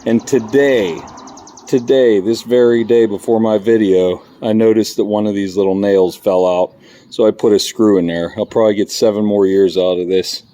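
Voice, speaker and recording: A man, vlogging casually as he metal detects in a public park, excitable and chatty as he calls out his finds. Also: lowish voice. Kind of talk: casual vlog narration while detecting.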